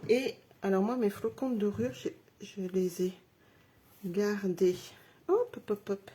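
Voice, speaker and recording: A woman's voice: medium pitch, measured pace, warm tone, slight background noise. A middle-aged woman giving a live craft demonstration, chatting through each step and talking straight to her viewers. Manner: chatty, narrates each step while working; addresses viewers directly, self-encouraging.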